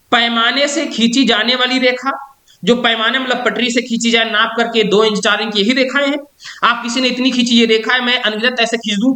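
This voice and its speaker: A man teaches an exam-prep lesson in a bright, forceful voice. He poses each question aloud, answers it himself and repeats the key answers slowly so they stick. The sound rings around an echoey room. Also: very high voice.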